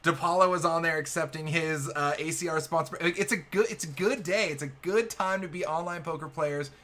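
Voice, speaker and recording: A male host chats casually and cheers on his guest, calling him dude and man. His voice is a little high and bright. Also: a little fast. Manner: upbeat, encouraging, uses dude and man. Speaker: show host. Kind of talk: casual show chat.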